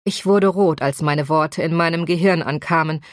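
A woman narrates a first-person audiobook in an even, measured storytelling voice. Her voice sits low, and the sound is dry and close with no room. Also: no echo.

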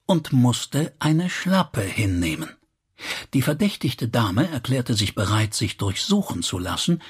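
A man narrating an audiobook story in a measured, expressive reading. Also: medium pitch, breathy edge. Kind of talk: scripted narration.

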